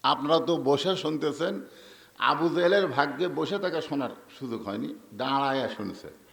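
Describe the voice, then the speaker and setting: A man's voice: fairly high pitch, lively intonation, moderate pace, gravelly, fairly bright tone. A man with a Bangladeshi Bengali accent preaching a waz sermon, telling stories and asking the crowd to answer back. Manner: storytelling, asks the crowd for responses. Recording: echoey hall with long reverb.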